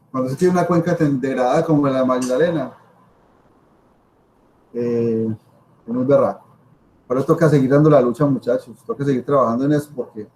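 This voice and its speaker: A Colombian man speaks as a professor in an informal lecture. His voice is mellow and mid-pitched, and he drives points home with repetition and rhetorical questions. The online class recording has a faint layer of noise. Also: poor audio. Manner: emphatic, repeats himself, asks rhetorical questions. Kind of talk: informal spoken lecture to students.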